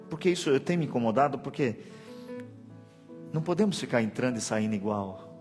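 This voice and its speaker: A male pastor preaching a sermon in a church, swinging between hushed and shouted passages. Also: mid-range voice. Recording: long church reverb, soft music.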